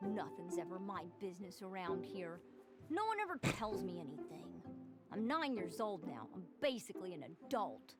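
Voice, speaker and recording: Woman voicing an earnest, animated little farm boy. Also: mid-range voice, moderate pace, loud music behind the voice, natural voice. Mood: put-upon. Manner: eager, self-important, guileless. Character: earnest, naive nine-year-old farm boy. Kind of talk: video game character dialogue.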